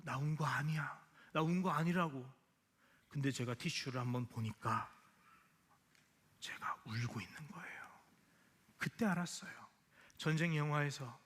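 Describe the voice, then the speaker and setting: Middle-aged male pastor, slightly raised pitch, emotional testimony sermon with acted-out dialogue and whispered moments. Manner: emotional storytelling, acting out dialogue, dropping to whispers at tender moments.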